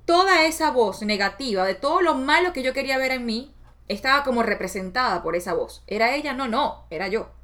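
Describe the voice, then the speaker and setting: A woman giving a casual motivational talk, acting out inner voices with shifts in tone. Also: fairly quick. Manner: expressive, acts out inner voices with shifts of pitch. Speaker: self-help speaker.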